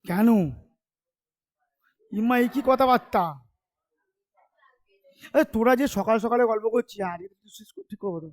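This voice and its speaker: A man teaching a relaxed classroom lesson. He chats and teases his students, and keeps stopping to check that they follow along. His delivery is loose and conversational, not read from a script. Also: very high voice. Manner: chatty, keeps checking understanding with quick questions; familiar, teasing tone with students. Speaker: commerce tutor. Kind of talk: informal classroom lecture.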